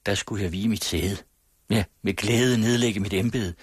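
Low husky male storyteller. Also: no echo, studio quality. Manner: measured, solemn, old-fashioned literary reading. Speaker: audiobook reader. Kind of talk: scripted narration of a classic story.

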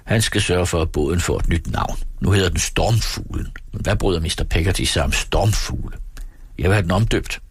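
A man reading an audiobook, voicing a charming, restless young gentleman who talks in a brisk, lightly mocking way. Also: deep voice, slightly rough, no echo, exaggerated voice.

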